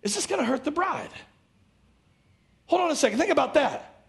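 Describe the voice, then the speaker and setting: Man, pastor, fervent sermon, high voice, gravelly edge, shouts and hushes. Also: animated, normal speed. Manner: fervent preaching, rising to shouts and dropping low.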